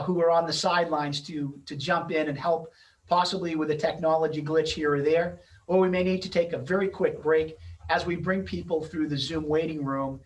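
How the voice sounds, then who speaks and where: On a video-call microphone, a middle-aged man acts as the event's host and moderator, giving semi-formal, loosely scripted introductions. His voice is a little high, and the rough recording places him far from the mic.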